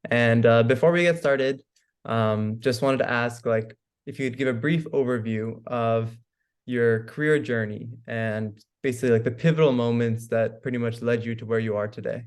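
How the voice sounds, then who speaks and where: A young man hosts a casual podcast interview, asking questions hesitantly and leaning on fillers like "like" and "I guess." His medium-pitched voice is clear and resonant, and he speaks at a moderate pace.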